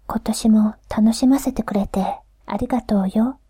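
A woman voicing a gentle, grateful old grandfather near death, in a soft whisper with old-fashioned country speech. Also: a little high, measured pace, breathy edge, no room sound, studio quality. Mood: tender. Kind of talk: whispered storybook reading.

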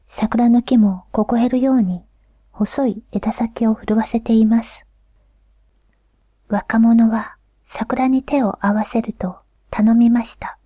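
A woman reading a folk tale aloud in a soft, unhurried whisper, close to the mic. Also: a little high, slightly rough, no room sound. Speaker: storyteller.

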